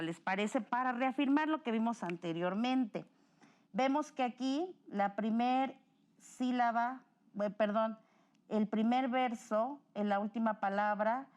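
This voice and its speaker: A woman's voice: medium pitch, a little mellow. A woman with a Mexican accent teaching a recorded lesson, explaining patiently and correcting herself as she goes.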